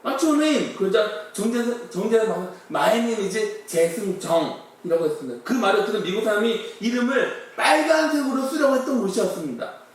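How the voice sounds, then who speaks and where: High-voiced pastor preaching in an echoey hall. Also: male voice, normal speed. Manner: storytelling with acted-out dialogue and questions to the congregation. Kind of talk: sermon. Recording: echoey room, mic far off.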